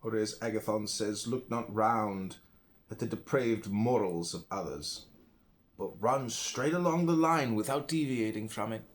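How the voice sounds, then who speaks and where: An American man reads classical philosophy aloud for an audiobook, solemn, emphatic, and declamatory. His voice is on the low side, at a measured pace.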